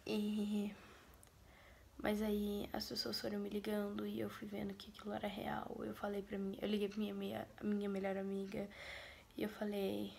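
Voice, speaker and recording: A Brazilian woman speaks to her camera in a soft, breathy half-whisper as she recounts a loss. Her voice is flat and somber, with a gravelly edge of vocal fry. A faint hiss sits under the recording. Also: medium pitch, moderate pace. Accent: Brazilian Portuguese. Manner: grieving, sombre recounting. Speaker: vlogger. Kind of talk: personal storytelling to camera.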